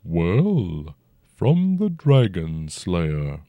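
A man voicing a huge, very old and noble dragon who speaks slowly and formally with a rumbling tone. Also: wildly swooping pitch, dry recording, phone-quality sound, heavily acted. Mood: stately, probing. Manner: slow, stately and formal, old-fashioned speech. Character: ancient noble dragon, huge, calm and probing.

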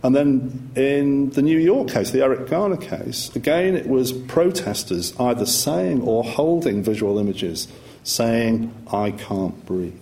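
A male academic on a panel, speaking in a measured, reflective way with frequent restarts. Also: mid-range voice, dark tone. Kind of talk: panel discussion.

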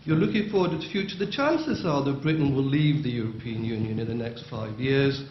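A man's voice: mid-range voice, expressive, brisk, slight background noise. A man in the audience of a debate putting a long, articulate question to the panel with dry irony. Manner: articulate, dryly ironic. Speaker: audience member asking a question. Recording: dull, roomy hall recording.

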